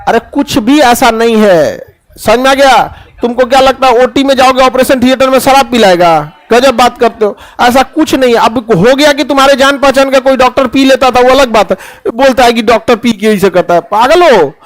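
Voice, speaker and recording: A middle-aged man lectures a chemistry class. His voice sits very high, and he keeps slipping into joking little scenes between the formulas. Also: normal speed. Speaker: chemistry teacher.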